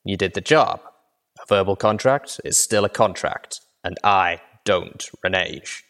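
A gruff griffin mercenary woman, as a male reader voices her, blunt and businesslike in a low register. A storybook soldier who keeps her word. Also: unhurried, a bit bright, full character voice. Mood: firm.

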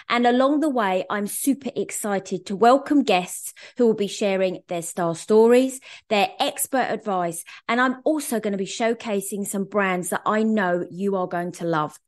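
A woman's voice: medium pitch, moderate pace. A woman hosting a podcast interview, enthusiastic and upbeat, from the UK. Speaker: podcast host.

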